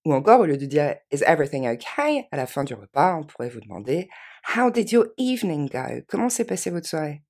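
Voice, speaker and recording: A woman teaching English phrases to French speakers, repeating each one slowly and then quickly. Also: sits low, sing-song, darkish tone. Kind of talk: language lesson with repeated model phrases.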